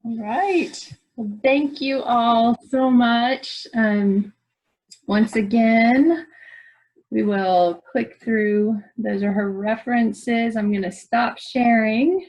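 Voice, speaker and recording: Woman host, somewhat high voice, slow and unhurried, friendly thanks, closing a video call. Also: darkish tone, low-quality recording. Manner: friendly wrap-up, thanking the speaker. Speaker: event host.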